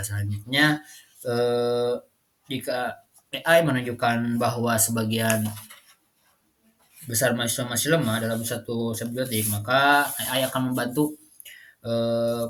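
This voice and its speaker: A man's voice: mid-range voice, fairly bright tone. A young man, a university student, giving a class presentation with frequent fillers and restarts. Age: young adult. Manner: hesitant, many fillers and restarts.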